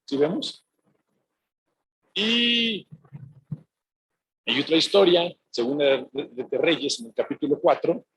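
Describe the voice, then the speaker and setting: Husky high-voiced male pastor preaching. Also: slow, pauses often, fairly bright tone, low-quality recording. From Mexico. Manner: asks the congregation "¿sí o no?" and retells scenes in quoted voices. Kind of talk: sermon. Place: church sanctuary.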